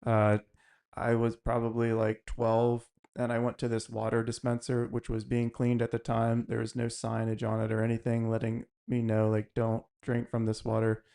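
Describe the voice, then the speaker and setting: A man hosting a casual podcast chat, relaxed and quick to laugh as he rambles through a story. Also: medium pitch, creaky, smooth. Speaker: podcast host.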